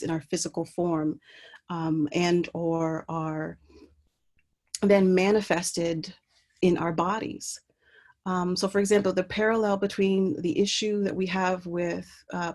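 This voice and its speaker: An artist from Puerto Rico, this woman speaks at a fairly low pitch as she goes through slides of her work during an online talk. Her delivery is halting, full of ums and false starts, picked up by her computer's video-call mic.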